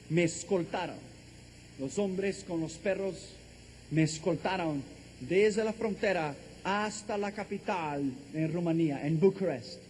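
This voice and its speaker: A man preaching a testimony in an impassioned way, building up to shouted declarations. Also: high voice, a little hiss or hum. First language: Portuguese. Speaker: evangelist. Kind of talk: testimony sermon.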